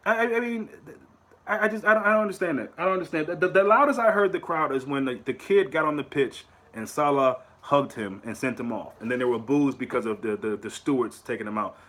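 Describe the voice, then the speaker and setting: Talking quickly in a fairly high voice, this American fan-channel host gives casual solo commentary to his viewers. He's lively and animated, repeating words and lifting into rhetorical questions.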